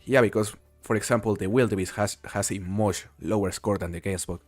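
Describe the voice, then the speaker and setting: A Mexican man's voice, on the low side and brisk, comes through without echo over soft background music. He's casually live-streaming a game, relaxed and talkative, reading chat and answering viewers while he plays.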